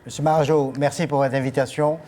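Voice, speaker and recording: A man's voice: mid-range voice, flat delivery, fast, warm tone. An older man being interviewed on TV as a departing director, speaking formally with frequent hesitations. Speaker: guest, agency director. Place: TV studio.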